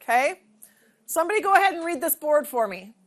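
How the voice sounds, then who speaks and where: Very animated and fairly quick, this high-pitched woman in her forties trains teachers through a hands-on demonstration in a large room. She poses questions to the group and keeps checking in with "okay?".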